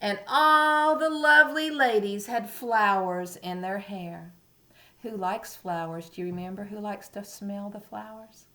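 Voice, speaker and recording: Female teacher reading a picture book as if to a toddler; slow, clear-cut bright tone, expressive, coaxing the little listeners with questions. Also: medium pitch. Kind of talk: read-aloud storytelling to small children, with questions to the listeners.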